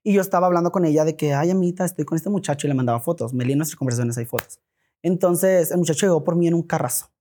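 A man's voice: on the high side, rapid-fire, slight background noise. A man with a Mexican accent, a podcast guest telling a story in casual talk, swearing freely and acting out the dialogue. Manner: animated, swears freely, acts out quoted dialogue.

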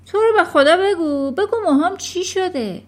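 A woman voicing a vain, hot-tempered middle-aged father who shouts in panic. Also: very high voice, pitched above the performer's own voice. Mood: shouting panicked.

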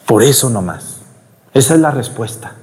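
Chatty, scolding Mexican priest in a reverberant church. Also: male voice, medium pitch, animated, moderate pace, a little mellow. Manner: talkative, scolding, grumbly, with many rhetorical questions to the congregation. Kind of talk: Sunday-style homily at Mass. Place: church during Mass.

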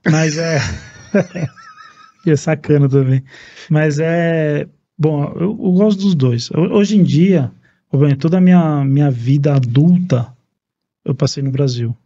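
A man from Paraguay, a Spanish speaker, chatting calmly and in a measured way as an interview guest. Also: a little high, highs cut off. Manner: calm, measured speech. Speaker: podcast guest, neurosurgeon. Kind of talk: casual interview talk.

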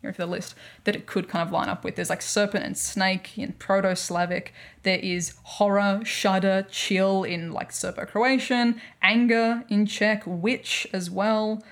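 Gravelly-voiced Australian woman, chatty podcast co-host. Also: mid-range voice, fairly even intonation, measured pace, hardly any pauses. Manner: chatty, rambling, laughs often. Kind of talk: casual explanatory chat.

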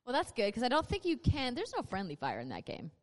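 A woman's voice: fairly high pitch, wildly swooping pitch, quick pace. An American woman hosting a casual live panel, chatty and joking as she talks to the audience. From North Dakota, USA. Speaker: panel host. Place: large convention panel room with live audience. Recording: echoey hall, live panel PA.

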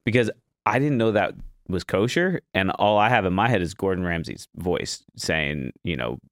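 A man's voice: sits low, expressive, normal speed, no echo, clean studio sound. A young man telling a kitchen story in casual talk, acting out his panic in a raised voice. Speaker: guest chef.

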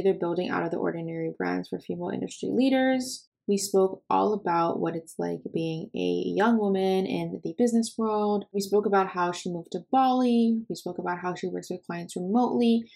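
Young woman podcast host, talks loose with tons of "like", bit of vocal fry. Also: medium pitch, warm tone. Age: 20s. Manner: chatty, lots of "like" fillers. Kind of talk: casual podcast chat.

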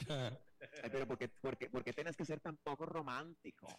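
A man's voice: medium pitch, moderate pace. A man hosting a talk show, teasing his co-host in a flamboyant, chatty way with many restarts. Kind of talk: playful talk-show banter.

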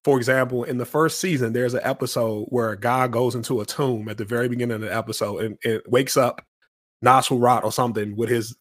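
A man's voice: mid-range voice, fairly even intonation, quick pace, a bit bright, dry recording, clean studio sound. A man co-hosting a casual podcast, telling loose run-on stories in a laid-back way. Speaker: podcast co-host. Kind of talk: casual chat.

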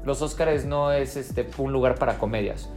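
A Mexican podcast co-host in their twenties, rambling through a casual film chat with plenty of slang and swearing. Their pitch sits in a middle range. Faint music plays in the background. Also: fairly even intonation, moderate pace. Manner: swears a lot, rambling, jokey, full of slang. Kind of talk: casual chat about films.

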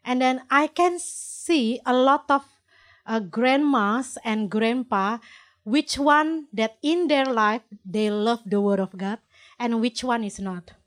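A woman with a high, light voice preaches and shares her testimony. She speaks earnestly in simple English with non-native grammar and often breaks into a laugh between phrases. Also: takes it slowly. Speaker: church ministry worker sharing testimony. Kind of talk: sermon testimony.

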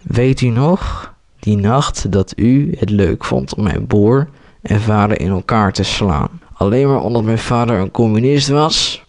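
Man voicing a grim vengeful soldier, slow bitter delivery, read-aloud war story. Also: fairly low pitch.

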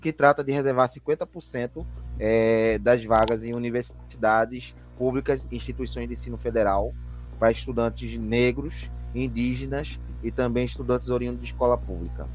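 A man's voice: medium pitch, fairly even intonation, moderate pace, soft background music. A man with a Brazilian Portuguese accent hosting an interview, polite, often restarting and rephrasing as he asks questions. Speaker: interviewer and host.

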